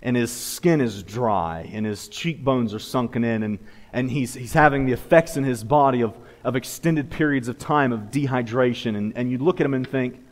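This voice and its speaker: A man's voice: medium pitch, moderate pace, hardly any pauses. A man from preaching a sermon to his church, earnest and pleading, often restarting his phrases. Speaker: pastor. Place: church sanctuary. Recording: long hall reverb.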